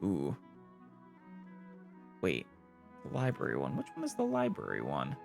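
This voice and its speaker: A man casually commenting on his own playthrough, pausing to think aloud with plenty of fillers. His voice is gravelly and swoops widely in pitch. Soft game music plays under him. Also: huge pitch swings. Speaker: let's play host.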